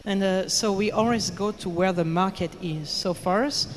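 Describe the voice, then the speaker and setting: A man's voice: high-pitched, moderate pace, poor audio. A company chief speaking on a conference panel, a man with stammering restarts. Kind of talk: panel discussion. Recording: clear background noise.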